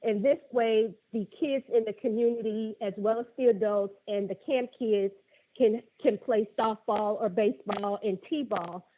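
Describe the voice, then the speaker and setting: A woman's voice: medium pitch, a little slow. A middle-aged woman calling in by phone to a public forum, earnestly working through her prepared points one by one. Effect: tinny phone line. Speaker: caller at a public budget forum. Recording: narrow phone-line audio.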